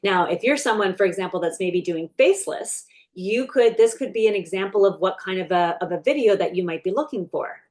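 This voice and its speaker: Woman, business coach, talking through a screen-share lesson off the cuff, with a mid-range voice, loose and chatty, slowing down while she types out prompts. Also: medium pitch, a little mellow. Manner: chatty and unscripted, with frequent fillers and restarts; slows right down while dictating prompts. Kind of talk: casual screen-share tutorial.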